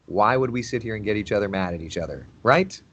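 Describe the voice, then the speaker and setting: A man's voice: on the low side, animated, fast talker, fairly bright tone, husky. A man in his thirties, a TV meteorologist hosting a casual livestream, chatting and reading out viewer comments. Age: 30s. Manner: chatty, laughs easily, repeats phrases. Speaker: TV meteorologist host.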